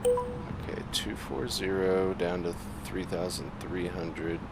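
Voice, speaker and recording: A man talking into a pilot cockpit headset, giving crisp radio readbacks to air traffic control and relaxed commentary between calls. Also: low voice, slow. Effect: speaking into a pilot cockpit headset mic. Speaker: flight simulator pilot. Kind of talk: ATC radio readbacks mixed with casual commentary. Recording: loud steady background noise.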